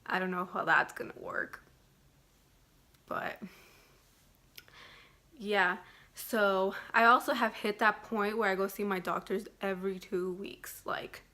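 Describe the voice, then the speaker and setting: A woman's voice: medium pitch, slow, long pauses, sharp tone. A woman giving a casual vlog update, rambling and filling her talk with "like" constantly. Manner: rambling, fills speech with "like". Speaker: vlogger.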